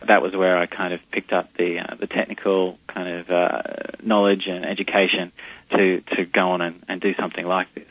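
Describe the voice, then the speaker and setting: An Australian company CEO is interviewed by phone on a radio show, talking hesitantly with many fillers and restarts. His low voice holds a level tone at normal speed, with no echo, over a muffled lo-fi telephone line.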